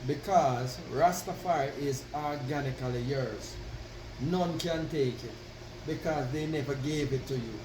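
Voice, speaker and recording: A man delivers a devotional address in Rasta speech, slowly and deliberately. He proclaims with weighty pauses and emphatic declarations. The recording is roomy and off the mic, with steady noise behind him. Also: medium pitch. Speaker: Rastafari speaker addressing followers. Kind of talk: devotional address with reading of own written piece. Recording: roomy, distant mic, constant background noise.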